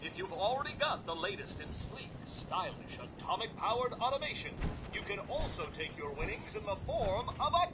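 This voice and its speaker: A man's voice: sits high, sing-song, moderate pace, background noise. A man voicing a robot supervisor who talks like a game show host, with a showy, exclamatory sales patter in video game dialogue. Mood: showy, gleeful.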